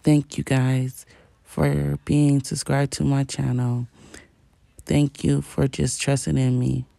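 Mellow, gravelly woman vlogger. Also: very deep voice, level tone, takes it slowly, no room sound. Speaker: family vlogger. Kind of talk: casual vlog voice-over.

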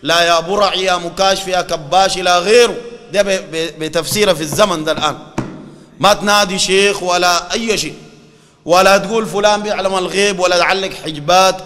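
A Sudanese-accented man preaches in a lively, mocking way and quotes scripture often. His voice is high and bright and he talks fast. The sound carries a long hall reverb. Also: a little hiss or hum. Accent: Sudanese Arabic. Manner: animated and mocking, quoting scripture. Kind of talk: colloquial sermon.

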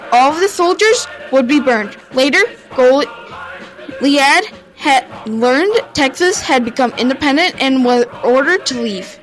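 High-voiced woman narrating history. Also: fairly bright tone, rough recording. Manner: informal and a bit stumbling, with sudden upward jumps on transitions. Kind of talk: read-aloud history narration.

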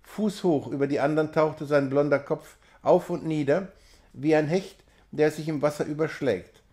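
Man reading a classic novella. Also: fairly high pitch. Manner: measured, expressive literary reading. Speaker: reader.

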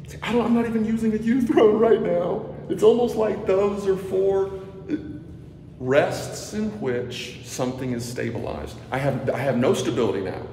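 A slow, gravelly man, a movement instructor, walks through an indoor stairwell demonstrating to a phone camera at arm's length. His voice is high and dark-toned with lively intonation, drawn out and dropping into murmured asides close to a whisper. The recording is echoey with noisy ambience.

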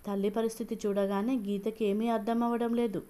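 A woman reading a dramatic family story aloud in an even, steady storytelling manner. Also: mid-range voice, a little fast. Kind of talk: scripted narration.

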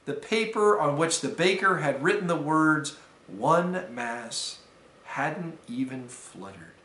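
A man, a deacon, reading a fable aloud to students in a careful, measured storytelling manner. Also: on the high side, lively intonation, sharp tone. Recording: roomy echo.

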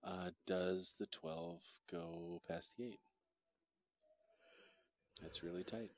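Low-voiced easygoing pool commentator man. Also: steady tone, slow, fairly bright tone, no room sound. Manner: easygoing, chatty, reads viewer chat aloud. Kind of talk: relaxed live play-by-play commentary.

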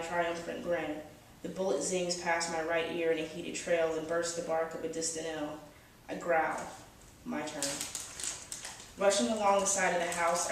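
Woman reading dark fiction, echoey cafe. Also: lowish voice, slight background noise. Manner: steady, measured reading from the page. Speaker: author reading her fiction. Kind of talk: first-person dark fantasy reading. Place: small cafe with brick walls, indoors. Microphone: far camera, no close mic. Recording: very echoey cafe, mic far off.

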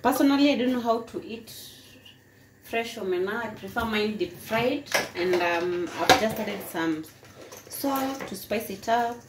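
A woman's voice: fairly high pitch, unhurried. Kenyan woman narrating her home cooking. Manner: relaxed, step-by-step explaining. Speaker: cooking vlogger. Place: home kitchen. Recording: echoey kitchen with background noise.

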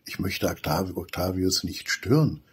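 A man voicing a playful young girl witch in a read-aloud children's story, with a lively storybook voice. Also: deep voice, unhurried, slightly rough, exaggerated voice. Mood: cautious.

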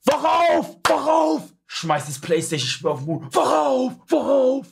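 A young man streaming, casually reacting to videos and breaking into high shrieking outbursts. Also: sing-song, unhurried, gravelly, noisy background. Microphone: studio mic on arm, headphones.

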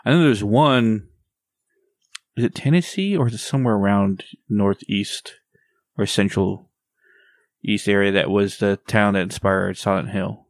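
A man's voice: on the low side, unhurried, long pauses, dry recording. Man, 30s, podcast co-host, easygoing and loose-tongued, dry close mic. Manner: laid-back, swears casually, trails off. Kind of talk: casual podcast chat.

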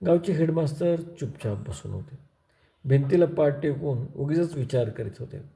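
A man, a lecturer, reading a story aloud in a steady, measured way. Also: medium pitch.

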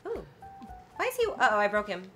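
Chatty woman co-host, bright and lively, playfully teasing. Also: mid-range voice, brisk, soft background music. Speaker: let's play co-host. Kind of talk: casual gaming chat.

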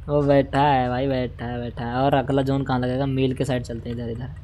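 A man doing live gameplay commentary, talking straight to his viewers, repeating words in quick bursts and humming la-la while he plays. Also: medium pitch, a little hiss or hum. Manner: excitable, repeats words in rapid bursts, hums la-la while playing; talks directly to viewers, asking for follows and shares. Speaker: gaming livestreamer.

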